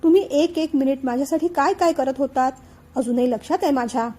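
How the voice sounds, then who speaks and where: A woman voicing an older mother-in-law who reasons gently with her husband in a family audiobook story, in a high, mellow voice. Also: fairly quick, close to an everyday voice. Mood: gently persuading.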